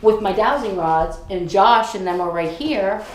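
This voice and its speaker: A woman's voice: mid-range voice, unhurried, a little hiss or hum. A woman casually telling stories as she guides visitors around a haunted house basement. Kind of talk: casual storytelling on a ghost-hunt tour. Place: echoey basement. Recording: echoey, distant mic, music over speech. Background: background music.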